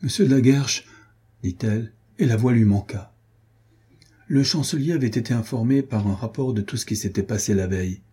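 A man reading a historical novel aloud in a measured, even storytelling manner. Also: lowish voice, breathy edge. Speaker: audiobook narrator.

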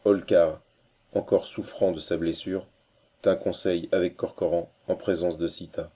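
A man reading a novel aloud as audiobook narrator, in a measured, steady storytelling way. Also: sits low, breathy edge.

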